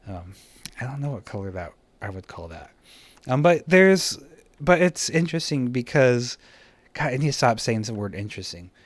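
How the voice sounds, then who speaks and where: A man's voice: mid-range voice, sing-song, normal speed, no echo. A man teaching a slideshow lesson on art composition, talking casually with many fillers and self-deprecating asides.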